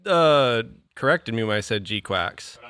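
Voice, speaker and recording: A man in casual conversation who rambles, jokes and drops sentences halfway. His voice sits at a middle pitch and sounds dry and close, with no room echo. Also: expressive, slow, pushed and bright, clear, resonant tone. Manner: rambling, jokey, trails off mid-sentence. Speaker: co-host. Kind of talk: casual livestream chat.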